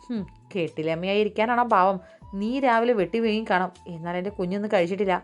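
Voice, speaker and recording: A scolding, sharp-tongued old grandmother , voiced by a woman narrator, dripping contempt in a mid-range voice. Soft music hums under the storybook reading. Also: mid-range voice, fast, lightly acted.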